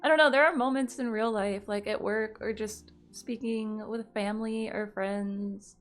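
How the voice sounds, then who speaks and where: A woman's voice: medium pitch, fairly even intonation, normal speed, soft background music. A young woman streamer chatting casually with her stream chat, rambling, swearing often and laughing between thoughts.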